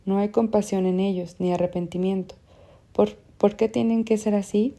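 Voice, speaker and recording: A woman's voice: medium pitch, flat delivery, normal speed, dark tone, natural voice. A woman voicing a frustrated young man who questions bluntly and insistently, in an audiobook. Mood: accusing.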